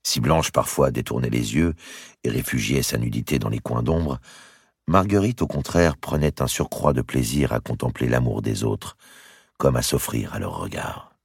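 Un homme qui lit un roman historique en livre audio, avec une narration expressive. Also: male voice, very deep voice, moderate pace, vocal fry, husky, no room sound, studio quality. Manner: expressive storytelling. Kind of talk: audiobook reading.

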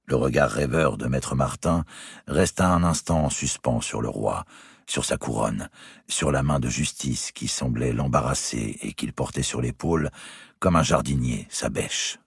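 A man with a husky voice reading a historical novel aloud in a steady, composed way. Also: very deep voice, a little slow, dry recording, clean studio sound. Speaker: audiobook reader. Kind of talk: scripted narration of a historical novel.

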